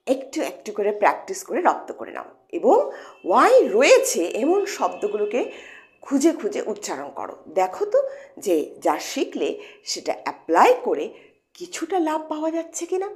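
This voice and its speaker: Woman, pronunciation teacher, patient, slow, very animated pitch. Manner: patient, explains step by step with questions to students. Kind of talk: lesson for students.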